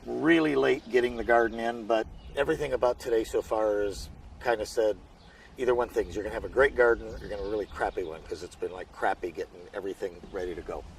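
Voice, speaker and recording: A man's voice: fairly low pitch, fast talker, gravelly. A man hosting a casual gardening vlog outdoors, chatty and rambling with lots of fillers and restarts. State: out of breath. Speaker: gardening video host. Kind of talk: casual vlog talk to camera. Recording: distant outdoor mic with faint ambient noise.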